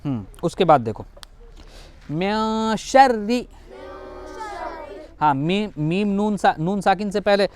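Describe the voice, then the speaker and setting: A man teaching Quran reading, who explains rules and spells out syllables slowly, repeating and correcting them. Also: high voice, expressive, darkish tone, a little hiss or hum. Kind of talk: recitation lesson.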